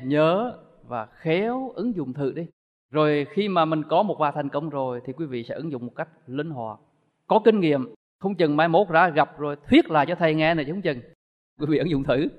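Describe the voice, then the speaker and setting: A man giving a Buddhist sermon to an audience, with lively, emphatic rises and falls in his voice. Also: high voice. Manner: lively, rising and falling emphatic delivery. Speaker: Buddhist teacher. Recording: dull lo-fi recording in a reverberant hall.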